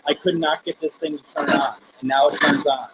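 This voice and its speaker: A man hosting a casual live paranormal session, asking questions in a halting way and repeating words. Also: fairly high pitch, fairly even intonation. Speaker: host of a live spirit box session. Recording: noisy, rasping scratchy static behind the voice.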